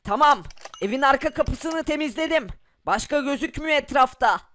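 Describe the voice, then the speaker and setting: High voice of a tough, taunting zombie hunter. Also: moderate pace, a bit bright, slight background noise. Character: lone gunman clearing zombies outside a house.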